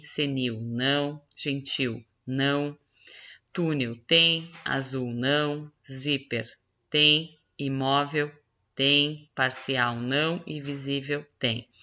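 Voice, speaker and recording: A woman teacher with a Brazilian Portuguese accent works through an exercise on screen and drags out each word as she goes over the answers. Her voice is bright, with a gravelly edge. The home recording sounds dull and lo-fi. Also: low-pitched. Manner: explanatory, stretches words slowly while spelling out answers. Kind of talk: correcting a school exercise on screen.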